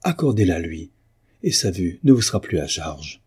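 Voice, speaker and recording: A man's voice: sits low, big pitch swings, normal speed, warm tone, slightly rough, heavily acted. A man voicing a timid, devoted young woman in a novel reading, speaking in a humble, pleading way.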